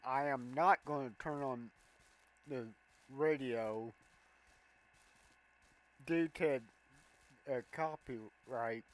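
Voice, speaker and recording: Slow-talking man explaining a video game. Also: medium pitch, low-quality recording. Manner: slow, plain step-by-step explaining of controls. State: has the hiccups. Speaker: gameplay video host. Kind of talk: gameplay walkthrough commentary.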